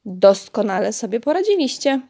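A woman teacher giving a remote lesson to preschool children, speaking clearly and warmly praising them as they count syllables. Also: on the high side, sing-song, normal speed. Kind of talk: online lesson for young children.

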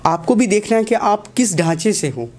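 A man's voice: high-pitched, animated, moderate pace. A young man, a teacher giving a motivational talk to students in a classroom, asking the class short questions and repeating key lines.

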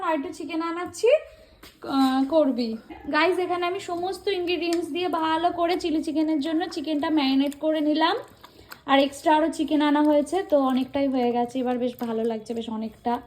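A woman's voice: sits high, a little hiss or hum. A young woman narrating her family day at home to camera in a casual, chatty vlog style, talking to her viewers as guys. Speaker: family vlogger.

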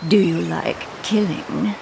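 A woman's voice: on the low side, slow, gravelly, noisy background, exaggerated voice. An actress playing a solemn young female swordswoman who coldly questions her opponent. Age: young adult. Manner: calm, questioning, grave. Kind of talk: video game voice acting. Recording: game audio with music behind.

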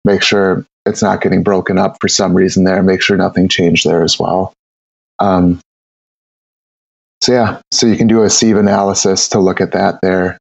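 A man with a lowish, gravelly voice talks shop in a casual interview, looping back over his words with plenty of fillers. The sound is dry and a little dull, with no room around it. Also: little pitch movement, normal speed, no echo. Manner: rambling, with many repeated words and fillers. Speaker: guest brewer.

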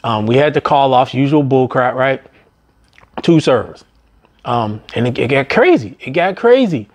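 A man's voice: expressive, moderate pace. A middle-aged man casually telling stories about managing a busy restaurant, rambling and tagging his sentences with "man" and "right?". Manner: loose, rambling delivery with frequent "man" and "right?" tags; slips into high, strained voices when quoting others. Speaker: business vlogger and former restaurant manager. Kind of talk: casual storytelling monologue.

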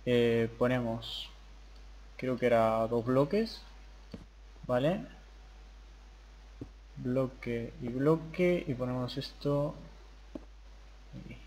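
With a medium-pitched, slightly mellow voice, this young gaming host talks casually over his gameplay. He mutters to himself as he plays, giving running commentary.

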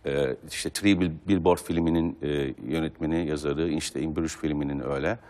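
A male stage actor on a talk show, speaking in a measured way with many pauses and fillers. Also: extremely low pitch, steady tone, a little mellow, in a large hall. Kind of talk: casual TV talk.

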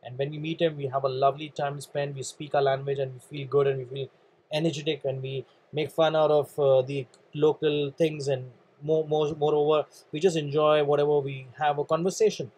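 Delivering an earnest motivational talk on networking, this Indian man with an Indian English accent keeps addressing his audience as "guys," pausing to cough and clear his throat. His voice sits a little high and somewhat dark, with a flat, brisk delivery, captured on a rough recording.

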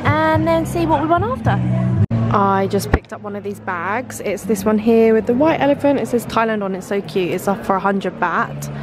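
A chatty young woman talks loosely to her handheld camera with plenty of ums. Her voice sits mid-pitch. Loud music plays behind her at an outdoor night market. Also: animated, normal speed. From England. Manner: chatty, loose, many fillers. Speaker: travel vlogger. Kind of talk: casual vlog narration.

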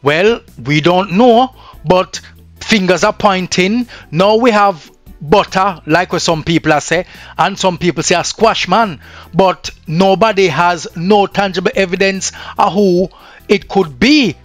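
A man's voice: high-pitched, measured pace, dry recording, soft background music. A man with a Jamaican accent commenting on news in a chatty way that drifts into patois.

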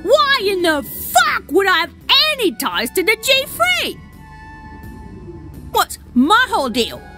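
Shrill cursing alien. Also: female voice, wildly swooping pitch, takes it slowly, bright, forceful tone, soft background music, full character voice. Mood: hostile. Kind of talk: video game dialogue.

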